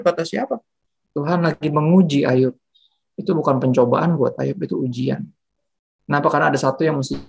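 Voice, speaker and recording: A male pastor gives a loose, joking sermon in a church. His voice is gravelly and a little husky. He tells stories in an animated, chatty way. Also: a little high. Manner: slangy, joking, animated storytelling. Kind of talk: casual sermon.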